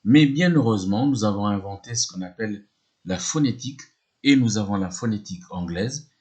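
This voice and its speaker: A man's voice: on the low side, expressive, darkish tone. A man teaching a lesson, explaining patiently, often hesitating and repeating himself, spelling words letter by letter. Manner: often hesitates with drawn-out fillers. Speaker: English teacher.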